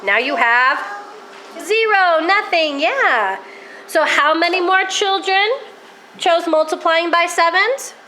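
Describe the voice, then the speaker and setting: High, lively woman teaching children. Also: slow, a little hiss or hum. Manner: encouraging, questioning children. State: coughing, losing her voice. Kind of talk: classroom math lesson. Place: classroom.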